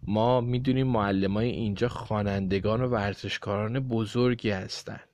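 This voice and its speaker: A man's voice: on the low side, fairly even intonation, darkish tone, a little hiss or hum, close to an everyday voice. A man voicing a bossy, showy female TV producer in a children's storybook reading. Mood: brash. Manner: pushy, showy, theatrical.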